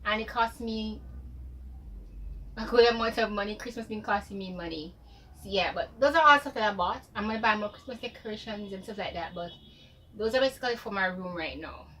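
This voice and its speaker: A woman's voice: mid-range voice, fairly quick, sharp tone. A young woman from Jamaica chatting casually and rambling a little in a home vlog, a bit tired. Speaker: vlogger. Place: bedroom at home. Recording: distant mic with clear room noise.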